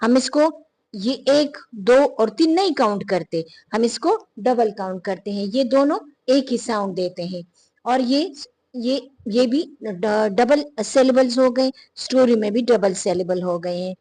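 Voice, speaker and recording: A woman's voice: fairly high pitch, expressive, a little slow, darkish tone. A woman teaching an English phonology lesson, patiently repeating and spelling out words letter by letter.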